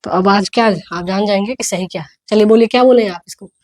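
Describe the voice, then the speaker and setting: A woman from India teaching an English pronunciation lesson, repeating each word slowly and coaxing the class to say it back. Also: medium pitch, a little mellow.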